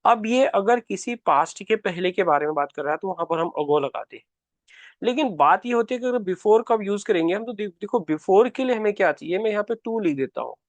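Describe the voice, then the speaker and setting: Man, high voice, patient exam-prep grammar teacher, dry close recording. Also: dry recording. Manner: explanatory, repeats key words, reads example sentences slowly. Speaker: English teacher.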